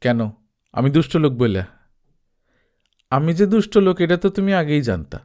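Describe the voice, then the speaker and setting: The audiobook's shady, well-off village trader, voiced by a man, speaks calmly and colloquially, dominating the exchange and excusing himself with rhetorical questions while staying brazen. The pitch is fairly high and the pace moderate, with a persuasive, self-assured mood.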